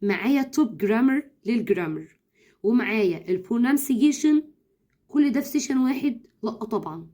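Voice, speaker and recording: Higher-voiced Egyptian woman tutor. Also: dark tone. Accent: Egyptian Arabic. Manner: brisk, mixes in English words, slowly drills syllables. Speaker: English tutor. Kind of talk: instructional talk to parents.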